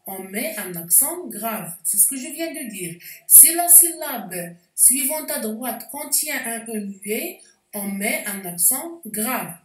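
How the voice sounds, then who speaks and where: A woman teaching a spelling lesson, explaining slowly and carefully with frequent hesitations. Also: high-pitched. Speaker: French teacher. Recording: echoey room, voice distant from mic.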